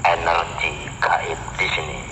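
An older man acting as spiritual guide, murmuring prayers and incantations and giving calm short instructions. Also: low-pitched, a little slow. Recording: noisy ambient background.

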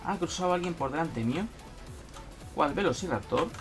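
Excitable gamer man, lively pitch. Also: normal speed, soft background music. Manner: excitable, talks to himself, frequent exclamations. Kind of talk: live gameplay commentary.

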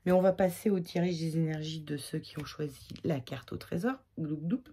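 Woman, tarot reader, low voice, a bit husky, rambling, joking, lots of fillers. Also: fairly even intonation, a little fast, warm tone. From France. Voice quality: slightly husky, irritated throat. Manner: chatty, rambling, many fillers and self-corrections; jokey, laughs at her own slips. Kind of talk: casual weekly tarot reading.

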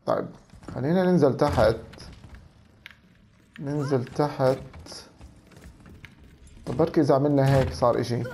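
A man in his thirties with a Levantine Arabic accent, giving animated, exclaiming let's play commentary and talking to himself. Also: medium pitch, normal speed, gravelly, long pauses, a little hiss or hum. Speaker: video game streamer. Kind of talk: excited let's play commentary, switching between Arabic and English.

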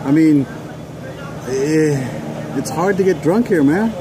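A man's voice: on the high side, expressive, takes it slowly. A man co-hosting a casual show at an outdoor racetrack terrace, laid-back and slangy, often saying dude. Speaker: podcast co-host. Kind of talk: casual chat. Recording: outdoor noise in background.

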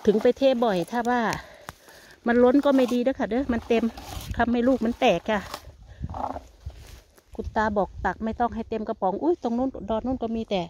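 An older woman with an Isan Thai accent talks in a chatty, homely way, as if to relatives, while she forages outdoors in a forest. Her voice sits a little high, and faint outdoor noise runs behind it on a handheld phone recording. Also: fairly quick, long pauses, mellow, dull audio. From Thailand. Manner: chatty, addresses viewers as family. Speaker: vlogger. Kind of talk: casual chat while foraging.

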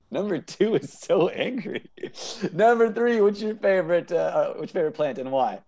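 His voice sits high and is a little mellow, with lively intonation at normal speed. In his thirties, this improv teacher hosts a playful game show over a video call from an indoor room at home, upbeat and frequently echoing answers.

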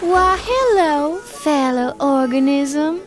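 A woman voicing a cartoon creature that fakes being human like a stiff robot, naming its own feelings out loud. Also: high-pitched, lively intonation, slow, faint music behind. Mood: stiff greeting. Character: odd creature clumsily faking being human. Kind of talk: cartoon voice acting.

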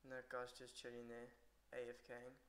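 A man's voice: mid-range voice, monotone, fairly quick, a bit bright, slight background noise. Tired, irritable man commentating gameplay. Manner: rambling, irritable, swears a lot. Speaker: gamer commentating his own match. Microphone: poor computer mic.

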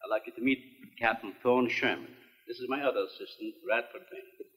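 A man's voice: medium pitch, fairly quick, fairly bright tone, slightly rough. An actor playing a middle-aged male scientist who talks politely and lectures earnestly, in 1950s film style. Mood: courteous. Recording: long hall reverb, 1950s film soundtrack.

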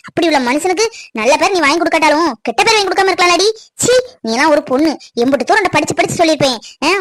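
A woman's voice: very high voice, dry recording. A woman voicing a scolding mother. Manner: sharp, scolding, fast outbursts. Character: scolding middle-aged village mother. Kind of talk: cartoon family drama voicing.

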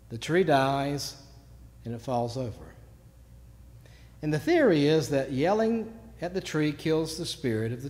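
A man preaching a sermon, telling stories and moving between quiet asides and sudden loud bursts. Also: on the high side. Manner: storytelling, swings from quiet to shouting. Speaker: pastor. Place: church sanctuary. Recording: long church reverb.

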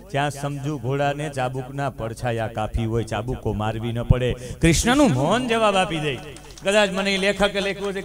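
Male preacher, high pitch, fervent open-air sermon. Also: a bit bright. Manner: impassioned, rising emphasis, rhetorical questions. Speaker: religious speaker. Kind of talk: sermon to a crowd. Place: open ground gathering.

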